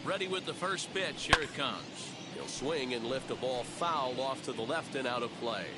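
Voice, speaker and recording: A man calling baseball play-by-play in a brisk, scripted video game commentary style. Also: mid-range voice, lively intonation, loud music behind the voice. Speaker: play-by-play announcer.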